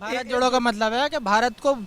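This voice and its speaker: Fast, argumentative man on a street. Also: very high voice, fairly bright tone. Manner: argumentative, repeating his point. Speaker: street interviewee. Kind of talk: street vox pop.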